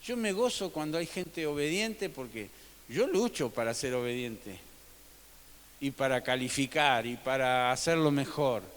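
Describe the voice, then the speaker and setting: A man preaching a sermon as pastor, swinging between loud emphatic peaks and soft, low drops. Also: lively intonation, a little slow. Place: church sanctuary. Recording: long reverb of a church hall.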